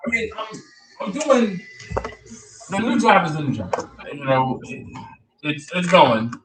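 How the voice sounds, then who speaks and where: A man's voice: high-pitched, huge pitch swings, unhurried. A man from Philadelphia hosting a casual live stream, telling a rambling story with lots of fillers, his voice muffled and echoing as if in a tunnel. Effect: muffled echoing tunnel-like audio. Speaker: livestream host. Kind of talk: casual chat. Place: outdoors near a pellet smoker. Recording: echoey distant stream audio with crowd noise.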